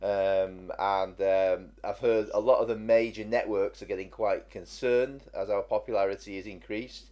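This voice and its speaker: A man's voice: on the low side, fairly even intonation, normal speed, hardly any pauses, darkish tone. A man hosting a casual livestream from a vicarage, talking in a dry, mock-grand joking way with many ums. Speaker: livestream host. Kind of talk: casual chat.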